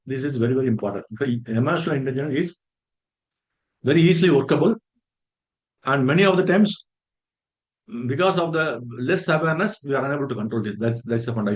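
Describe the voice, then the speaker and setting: A man's voice: mid-range voice, expressive, quick pace. A man giving a faculty development lecture, earnest and repetitive, stressing points as very, very important and working through everyday examples. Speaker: resource person for a faculty development program.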